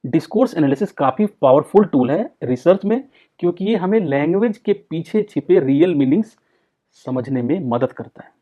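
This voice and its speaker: A man's voice: fairly high pitch, warm tone. A man teaching a psychology lecture for exam prep, explaining step by step and repeating key points. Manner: explains in Hindi mixed with English terms, repeats key points. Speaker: psychology tutor. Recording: dull, lo-fi sound.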